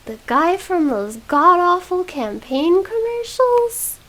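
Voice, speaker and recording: A woman whispering the part of a smooth, rich young playboy in a whispered role-play reading. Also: very high voice, very animated, slow pace, fairly bright tone, voice pushed up, full character voice, low-quality recording. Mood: teasing.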